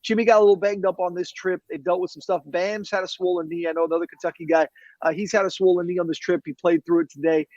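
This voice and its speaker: Quick, higher-voiced man talking sports. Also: steady tone, darkish tone, no echo, muffled recording. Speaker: TV sports reporter, studio host, guest. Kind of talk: casual sports analysis. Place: TV newsroom.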